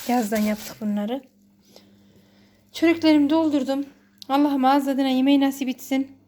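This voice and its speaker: A woman's voice: sits high, steady tone, normal speed, dark tone, a little hiss or hum. A woman vlogging at home, chatting casually as she works and adding short prayers. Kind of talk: casual narration while working.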